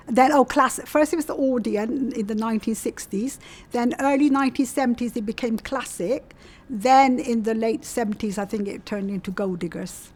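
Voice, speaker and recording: A fairly high, somewhat mellow voice at a moderate pace belongs to this woman in her 60s from South West England. Interviewed for community storytelling, she casually recalls her own life and tends to repeat things for emphasis.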